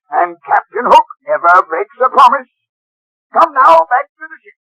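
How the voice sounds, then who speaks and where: An actor playing a villainous pirate captain in a radio drama, pompous and mock-courteous, gloating theatrically. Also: male voice, extremely high pitch, very animated, a little slow, vocal fry, bright, forceful tone, heavily acted, rough recording. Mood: silky menace, then commanding. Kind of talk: 1930s-style radio drama acting.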